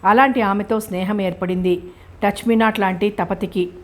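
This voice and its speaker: Female audiobook narrator, mid-pitched, steady even storytelling of a novel. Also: normal speed.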